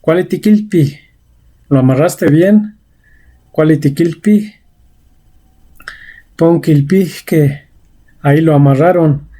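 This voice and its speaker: A woman's voice: sits low, measured pace, pauses often, warm tone. A woman giving a vocabulary lesson, saying each word and example carefully and repeating it. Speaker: language teacher.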